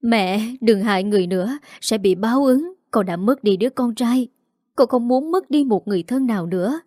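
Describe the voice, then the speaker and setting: A woman's voice: fairly high pitch, animated, fairly quick, dark tone, dry recording, studio quality. Woman doing a frightened guilt-ridden young woman. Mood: pleading. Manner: pleading and frightened.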